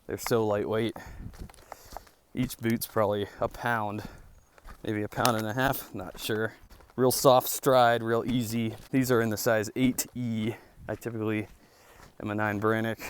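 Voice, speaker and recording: A man's voice: on the low side, a little hiss or hum. A man talking in a casual, rambling vlog style, informal and reflective, thinking aloud outdoors on a hiking trail. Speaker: vlogger and boot reviewer.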